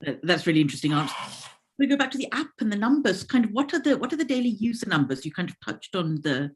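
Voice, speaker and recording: Female moderator, fast, lively intonation, brisk questions. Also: mid-range voice. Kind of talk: webinar moderation.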